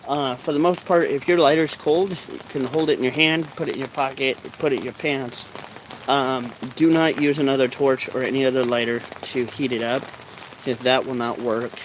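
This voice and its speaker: A stoned man with a mid-pitched voice rambles casually to his viewers. He is laid-back and meandering in how he talks. He is recorded outdoors, with a faint noise of rain behind him. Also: steady tone, normal speed, poor audio. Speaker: vlogger. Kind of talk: casual rambling chat to camera. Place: outdoors in rainy, cold weather. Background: light rain.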